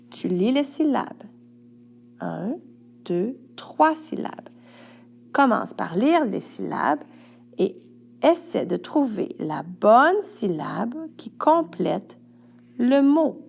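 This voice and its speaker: A woman's voice: a little high, gravelly, darkish tone. A woman teacher with a Quebec French accent, patiently giving a young pupil step-by-step instructions for a worksheet. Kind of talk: recorded classroom instructions.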